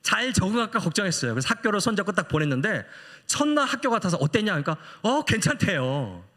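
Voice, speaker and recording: Middle-aged male missionary preacher, slightly high and very expressive, storytelling sermon in a reverberant sanctuary. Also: rapid-fire. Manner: animated storytelling, acting out quoted voices. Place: church sanctuary. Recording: long church hall reverb.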